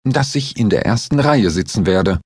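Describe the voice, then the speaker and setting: Man voicing a doctor sleuth, dry mocking wit, low voice, husky. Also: lively intonation, moderate pace, a little mellow, no echo. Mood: dry amused. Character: ironic, composed male doctor investigator.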